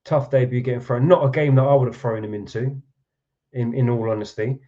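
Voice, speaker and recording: A football channel host reacts angrily to a match from home, ranting and cursing in frustration. He speaks a little fast in a warm, medium-pitched voice with fairly even intonation, on dull lo-fi audio.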